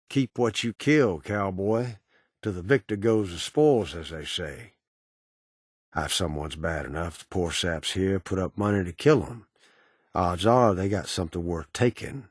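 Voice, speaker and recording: An actor playing a cynical, menacing ghoul bounty broker in a video game, with an American Southern accent and a sardonic drawl full of cowboy slang. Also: male voice, low-pitched, husky, dry recording, clean studio sound, full character voice. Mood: wry, sardonic, then dry, taunting. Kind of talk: video game character dialogue.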